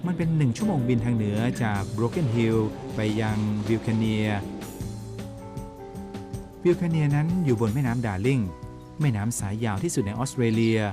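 ชายผู้บรรยายสารคดี มีดนตรีประกอบชัดเจน. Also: male voice, mid-range voice, lively intonation, moderate pace. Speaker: documentary narrator. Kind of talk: scripted documentary narration. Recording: music bed under voice. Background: background music.

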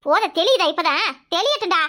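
A shrill, piercing old mother-in-law, played by a woman who rattles off her scolding at a quick clip. She wails and berates in a cartoon, her voice very high and bright. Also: animated, exaggerated voice. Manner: wailing, scolding, rapid-fire. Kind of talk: cartoon voice acting.

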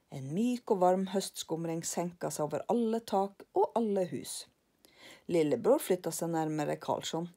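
Warm, lively grandmother reading a story. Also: fairly low pitch, husky. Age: older. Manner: expressive, warm storytelling, hushing for quiet scenes.

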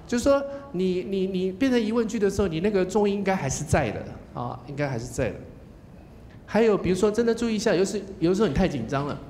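Man, Taiwanese Mandarin accent, contest judge, coaching feedback, models pronunciation, soft "ha" tags, echoey auditorium, faint rumble. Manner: coaching tone, demonstrates English pronunciation, ends phrases with a soft "ha" tag. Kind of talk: spoken feedback to student contestants.

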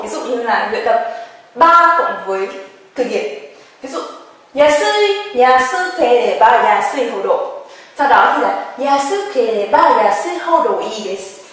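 A woman teaching a grammar lesson, drilling words slowly and often asking her class questions. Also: on the high side, expressive, a bit bright. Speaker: Japanese language teacher. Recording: very echoey room, voice from far off.

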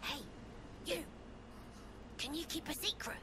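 A sly tiefling child schemer from a video game, confiding as if sharing a secret. The voice is high, swooping and slow, with clear ambient noise behind it. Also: female voice, animated, bright, forceful tone, exaggerated voice. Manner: confiding, conspiratorial. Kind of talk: video game character acting.

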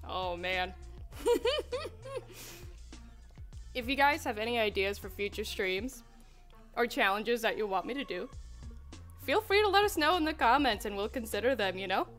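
A woman's voice: a little high, lively intonation, fairly quick, fairly bright tone, soft background music. A young woman hosting a casual livestream, chatting upbeat and laughing often while she reads the chat and eats spicy wings. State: mouth burning from spicy wings. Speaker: livestream host for a game studio.

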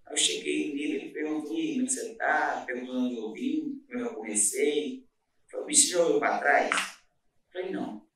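In a casual interview, a restaurant and bakery owner with a Brazilian Portuguese accent tells his story earnestly, rambling and restarting often. His medium-pitched voice is brisk and a bit bright. The mic sits at a distance in an echoey room with slight background noise.

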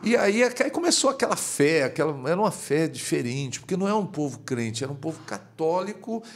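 Talking fairly quickly, a bishop shares a story as a guest on a podcast, recorded in the studio, with his pitch climbing high each time excitement takes over.

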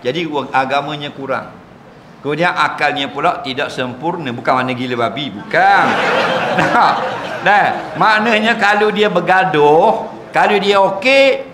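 Malaysian ustaz guy joking thru a lecture, crisp bright voice, roomy mosque echo, faint hum. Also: fairly high pitch. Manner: joking, keeps checking "right?" with the audience. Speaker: religious teacher. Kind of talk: religious lecture with Q&A. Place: mosque hall, evening lecture. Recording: echoey mosque hall. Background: audience laughter.

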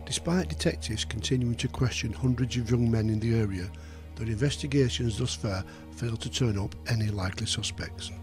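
A man giving scripted true crime narration in a sober, measured storytelling manner. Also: mid-range voice. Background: faint music.

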